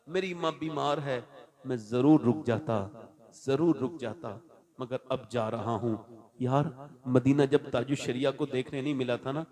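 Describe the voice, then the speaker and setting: A male preacher giving a sermon, moving from hushed storytelling to shouted calls and slow chanted verses. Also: mid-range voice. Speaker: Islamic preacher.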